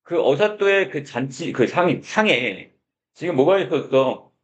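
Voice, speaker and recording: Guy teacher doing a korean lit lesson, bit high voice, keeps quizzing the class, muffled lo-fi sound. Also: lively intonation, a little slow. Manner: explains with many "자," prompts and questions to students. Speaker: middle school Korean teacher. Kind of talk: classroom literature lecture.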